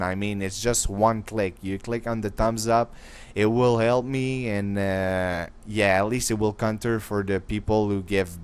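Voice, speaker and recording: A young man talks over his game footage in a relaxed, rambling way, full of fillers and restarts. His voice sits on the low side and sounds smooth and resonant. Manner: casual, rambling, filler-heavy talk. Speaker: gaming channel host. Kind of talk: gameplay commentary voice-over.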